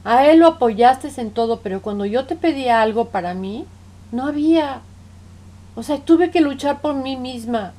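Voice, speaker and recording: Woman playing a hurt middle-aged daughter confronting her parents; pleading, reproachful, voice sits a bit high. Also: animated, normal speed, dark tone. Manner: pleading, reproachful, repeats "mamá".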